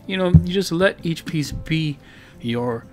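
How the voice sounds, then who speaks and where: Fairly high-pitched, a little slow, and slightly mellow, this man's voice carries a meandering voice-over about his painting. He is a digital painter and video host whose talk is thick with fillers, restarts, and self-deprecating humor, with guitar music in the background.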